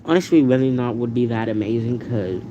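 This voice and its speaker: A man giving casual, rambling commentary on a video, halting and repeating himself. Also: dull audio, over music. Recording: noisy recording with background rumble.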